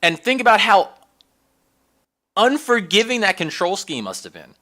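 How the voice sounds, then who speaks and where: A man's voice: high-pitched, sing-song, moderate pace, pushed and bright. A man co-hosting a casual gaming podcast, rambling and speaking straight to the listeners. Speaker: podcast co-host.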